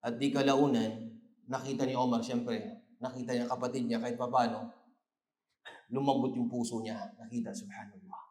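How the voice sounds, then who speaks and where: A man preaching an Islamic lecture in a roomy, echoing space. His voice is mid-pitched, and he tells the story in surges, climbing to emphatic peaks and weaving in Arabic phrases. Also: fairly even intonation, moderate pace, darkish tone. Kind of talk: Islamic lecture after evening prayer.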